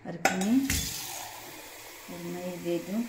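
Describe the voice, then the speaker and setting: A woman's voice: on the low side, fairly even intonation, takes it slowly. A middle-aged woman with a Haryanvi accent, chatting casually to camera at home as a family vlogger. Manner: chatty, rambling, homely. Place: at home, indoors. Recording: echoey room with loud background noise and passing vehicles.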